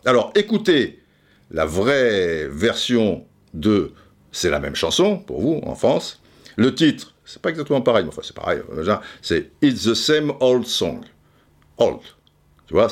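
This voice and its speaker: A man talking casually as a commentator, repeating words as he stammers and swearing now and then. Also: low voice. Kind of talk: casual chat.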